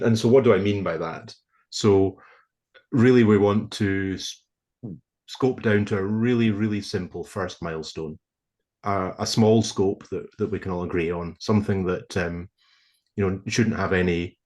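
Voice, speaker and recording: Give me a low-voiced man on a video call. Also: darkish tone. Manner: measured and hesitant, frequent ums and restarts. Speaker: presenter at a technical committee meeting. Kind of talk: presenting a proposal over shared slides. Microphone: computer mic on a video call.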